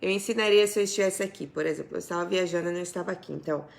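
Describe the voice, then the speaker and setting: A woman's voice: on the low side, very fast, creaky. A woman teaching a live online English lesson, explaining patiently and asking her viewers questions.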